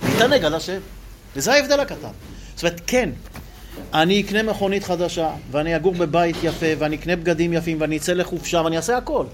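Animated high-voiced male Torah teacher. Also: slight background noise. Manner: animated, acts out quoted voices, rhetorical questions. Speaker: religious teacher. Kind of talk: Torah lecture to listeners.

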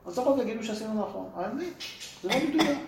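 A man's voice: sits high, expressive, gravelly, slight background noise. A man teaching a Torah class to a live audience, speaking emphatically and asking rhetorical questions. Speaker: religious teacher. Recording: echoey room.

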